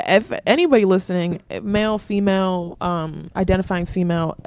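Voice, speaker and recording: A woman guest talking candidly in a casual podcast chat, with quick restarts. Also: fairly low pitch, a little mellow. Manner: candid, chatty, fast restarts. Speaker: guest, exotic dancer.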